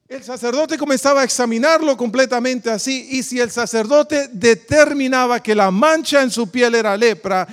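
High-voiced pastor, hall reverb. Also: male voice, a bit bright. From Dominican Republic. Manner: preacherly, asks the congregation questions, calls them "queridos". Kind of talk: sermon.

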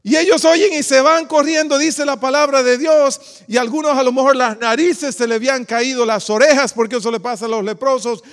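Brief: male pastor, very high voice, preacherly, quizzes the flock, long church echo. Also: fairly even intonation, brisk, hardly any pauses, fairly bright tone. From Dominican Republic. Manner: preacherly, asks the congregation questions, calls them "queridos". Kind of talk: sermon.

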